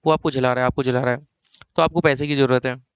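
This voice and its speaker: A man's voice: medium pitch, fairly even intonation, quick pace, smooth, dry recording, dull audio. A man teaching an accounting class, coaxing answers with repeated questions and acting out little dialogues. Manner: playful, acts out little dialogues. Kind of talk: classroom lecture.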